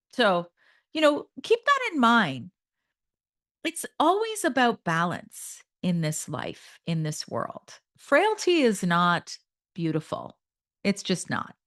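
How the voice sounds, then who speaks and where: A woman from Canada hosting a nutrition podcast, talking to her listeners in an emphatic, animated way. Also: on the high side. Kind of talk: health podcast talk.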